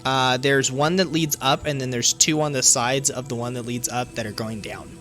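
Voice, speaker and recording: A young man narrating a tabletop game as its game master, laying out rooms and paths with frequent "uh"s and restarts. His voice sits at a middling pitch, with music playing behind him. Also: steady tone, moderate pace, fairly bright tone. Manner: descriptive narration with fillers and restarts, laughs easily.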